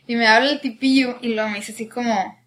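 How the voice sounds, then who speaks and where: A young woman with a northern Mexican accent chats casually as a podcast co-host, her voice sitting high. She tells stories and slips into impressions of how other people talk. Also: steady tone, fast talker, fairly bright tone. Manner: storytelling, mimics others' accents. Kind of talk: casual chat.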